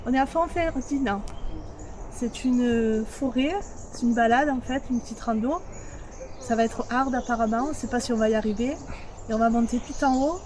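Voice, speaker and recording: A woman's voice: on the high side, normal speed, a little mellow. A middle-aged woman talking casually on a vlog. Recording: noisy outdoor vlog audio.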